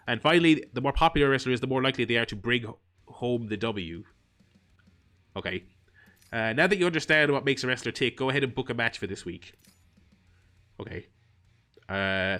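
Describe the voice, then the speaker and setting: Bright-voiced man chatting through a game. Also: medium pitch. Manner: wry, rambling, self-deprecating asides with frequent fillers. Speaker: gaming streamer. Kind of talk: casual game commentary, reading tutorial text aloud.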